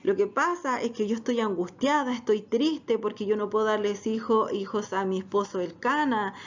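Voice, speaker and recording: A woman voicing a grieving, childless wife who prays slowly for a son. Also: mid-range voice, close to an everyday voice. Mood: explaining. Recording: dull lo-fi recording.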